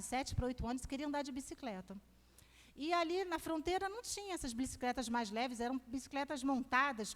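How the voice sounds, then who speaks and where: A middle-aged Brazilian woman preaching a sermon at a women's congress, telling personal testimony with animated, emphatic storytelling. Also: high-pitched. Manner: animated storytelling, emphatic, acts out quoted voices. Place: church sanctuary. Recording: long reverb of a church hall.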